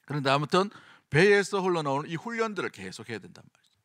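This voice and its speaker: A man's voice: on the high side, very animated, quick pace, a bit bright, no echo, studio quality. A middle-aged man with a Gyeongsang accent preaching a sermon in a conversational way, often asking the congregation questions. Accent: Gyeongsang Korean. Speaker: senior pastor.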